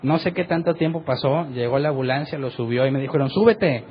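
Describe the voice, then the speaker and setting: In this lo-fi recording with some faint hiss or hum, a middle-aged man preaching as a pastor tells a lively personal story at a quick pace. His pitch is medium, and he regularly adds a tag question to his lines in this sermon testimony.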